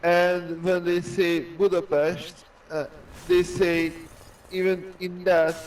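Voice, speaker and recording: A man's voice: high-pitched, level tone, slow, distant mic, rough recording. A man with a Hungarian accent, chatting casually as a podcast co-host and rambling with many restarts and fillers. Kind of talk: casual chat.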